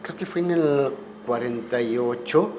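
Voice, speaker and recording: A man in his sixties, speaking, recounts memories in an unhurried, conversational way and keeps adding little tag questions. His voice sits at an ordinary pitch. A clear layer of background noise runs under the recording. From Ecuador. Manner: relaxed storytelling, frequent tag questions. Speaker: guest musician. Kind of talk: casual interview conversation.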